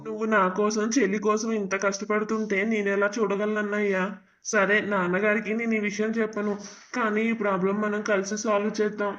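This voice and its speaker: A man's voice: high-pitched, little pitch movement, a little fast, fairly bright tone, dull audio. A man voicing an earnest, worried younger brother in a cartoon family drama, asking question after question. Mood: concerned.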